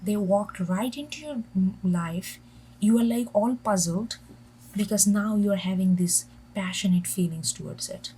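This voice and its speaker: A woman giving an intuitive tarot reading, talking in a halting way with many restarts and slipping into soft half-whispers. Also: mid-range voice, slight background noise, low-quality recording. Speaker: tarot reader.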